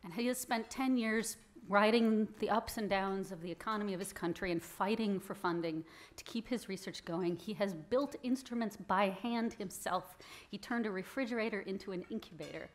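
A woman in her thirties, an award recipient, gives an earnest acceptance speech at a podium stand mic in an indoor event hall before an audience. She speaks at normal speed with a medium-pitched voice, stressing key phrases.

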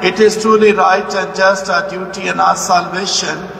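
A man, a priest, reciting the prayers of the Mass in a measured, solemn manner, his voice echoing through a large cathedral. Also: sits high, flat delivery, gravelly, fairly bright tone. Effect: cathedral echo. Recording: echoey cathedral, distant mic, faint hum.

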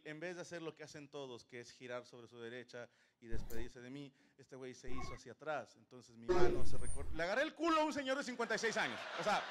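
A man with a Mexican accent, a streamer telling a crude, joking story on a live stream. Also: sits high. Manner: crude, joking anecdote-teller. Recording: noisy stream audio.

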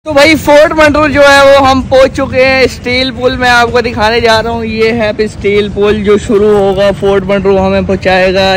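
A young man, casually narrating a road trip vlog to a phone held at arm's length, excitedly calling out to friends. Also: high-pitched, rough recording. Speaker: vlogger. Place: minivan and roadside outdoors.

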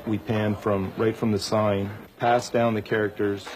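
A man's voice: fairly low pitch, flat delivery, a little slow, poor audio. A man speaking as an animation layout artist, explaining his work in a documentary interview. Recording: noticeable background noise.

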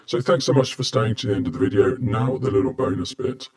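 A man's voice: mid-range voice, fast talker, darkish tone. A man casually reviewing a gadget, speaking through a face mask in a plain, matter-of-fact way. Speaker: product reviewer.

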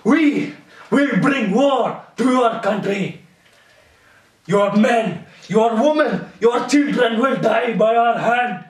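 A young man acting a fanatical militant captor, ranting in a very high, strained shout with slow delivery. The voice comes from across an echoey room. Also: distant mic. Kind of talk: amateur film acting.

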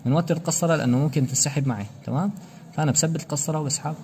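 A man's voice: fairly high pitch, racing, darkish tone, slight background noise. A man giving a practical anesthesia lecture, explaining procedure steps and quizzing students with rhetorical questions. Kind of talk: practical medical demonstration.

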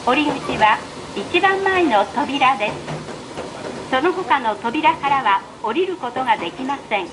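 Over a moving train's carriage speakers, a woman with a high voice and lively intonation gives a scripted, recorded announcement. She speaks slowly, formally, and with even enunciation, while running noise from the train comes through clearly on the PA.

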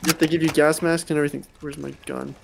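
A gravelly, slightly high man chats casually while gaming, directing his squad with quick calls. His headset mic carries a faint hiss. The talk is loose and friendly. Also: level tone. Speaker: streamer playing with friends.

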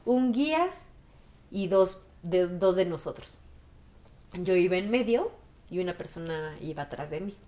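Unhurried and low-leaning, with long pauses, a thirtysomething woman with a Mexican Spanish accent recounts her story for a documentary interview. She is animated and performs the voices of the people she quotes.

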